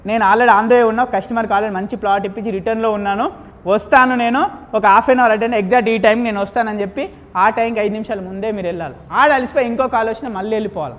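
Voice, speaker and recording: A man's voice: sits high, fast, a bit bright. A man leading a real estate sales training seminar, quizzing the audience and acting out little dialogues as he teaches. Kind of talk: live training seminar lecture. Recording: long hall reverb.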